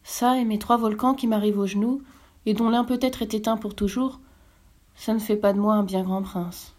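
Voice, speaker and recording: A woman's voice: mid-range voice, fairly even intonation, moderate pace, darkish tone, natural voice. A woman voicing an earnest, wistful young boy prince in a storybook reading, raised and plaintive. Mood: sad. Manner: plaintive, questioning.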